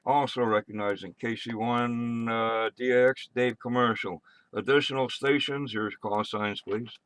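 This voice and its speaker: An American man serving as net control on an amateur radio net reads check-ins and announcements haltingly and offhandedly, muttering asides. His medium-pitched voice is fairly even in intonation, a bit bright and smooth, with no room sound.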